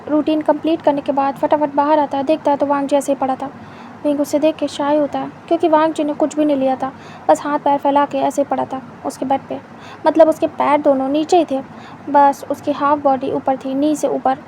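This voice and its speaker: A woman narrating a fan fiction story in a steady, even manner. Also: sits high, slight background noise, low-quality recording.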